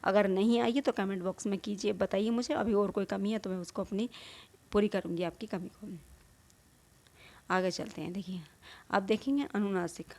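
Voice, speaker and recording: A woman with a medium-pitched, steady, slightly mellow voice teaches a Hindi grammar lesson at a moderate pace. She explains patiently, repeats points, poses rhetorical questions, and demonstrates the vowel sounds aloud herself.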